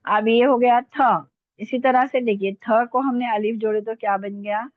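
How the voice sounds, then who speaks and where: A woman's voice: a little high, fairly even intonation, normal speed, no echo. A woman teaching an Urdu lesson online, patiently sounding out letters and checking that her students follow. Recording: tinny phone-like dry sound.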